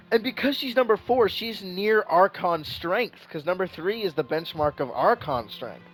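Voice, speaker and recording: A gaming streamer gives excitable, casual live reactions, repeating himself as he thinks out loud. His voice sits in the mid-range, and the audio quality is poor.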